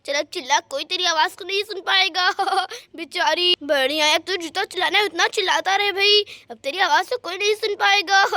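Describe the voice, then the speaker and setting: A woman's voice: very high-pitched, moderate pace, hardly any pauses, sharp tone, no room sound. A woman voicing a sneaky, gloating male thief in a doll story, with mocking laughs. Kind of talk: doll story role-play.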